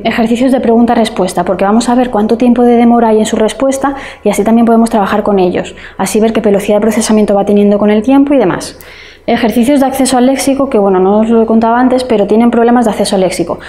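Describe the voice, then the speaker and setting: Mellow-voiced woman giving a lecture. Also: fairly high pitch. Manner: explanatory, many fillers and checks with the audience. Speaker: speech therapist lecturer. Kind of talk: online lecture.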